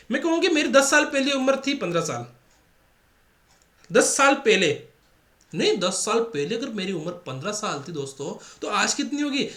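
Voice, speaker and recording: A very high, sharp-toned male voice belongs to a math teacher with a Rajasthani Hindi accent leading exam prep. He repeats each step and drills his points with rhetorical questions to the class; the room has an echo.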